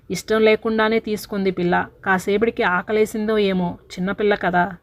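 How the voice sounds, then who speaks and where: A woman narrating a story in a dramatic, sorrowful voice. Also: mid-range voice.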